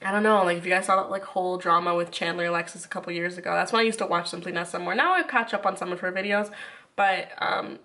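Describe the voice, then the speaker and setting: A woman's voice: on the low side, fairly even intonation, fast, sharp tone. A woman chatting casually to viewers in an informal, rambling way with lots of "like", sick with a runny nose. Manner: informal, rambling, frequent filler "like". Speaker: YouTuber.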